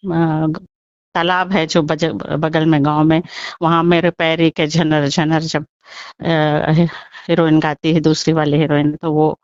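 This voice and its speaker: A woman in her seventies, recalling childhood memories over the phone in a halting way, with many pauses and restarts. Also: low voice, dry recording. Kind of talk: phone interview reminiscence. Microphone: phone call. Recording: muffled dry phone line.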